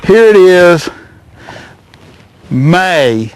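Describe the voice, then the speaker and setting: His voice is high-pitched, smooth and very slow. The middle-aged man is out on a lake in a small boat hosting a fishing show, getting excited and hollering and cooing at the fish while reeling them in.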